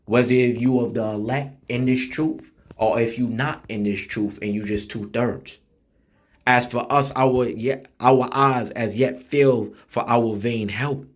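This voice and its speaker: A man preaching an online sermon in a blunt, street-style manner, slowing down to read scripture with emphasis and using rhythmic repetition. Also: medium pitch. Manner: slows down and reads scripture with emphasis.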